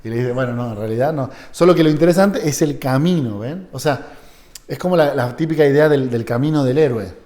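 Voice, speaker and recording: A fairly high-voiced man teaching a seminar. His tone is dark and mellow. He keeps checking in with his listeners and briefly acts out imagined exchanges. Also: brisk. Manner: conversational, asks the audience for agreement, acts out short quoted dialogues. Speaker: seminar lecturer on psychoanalysis. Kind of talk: live seminar lecture.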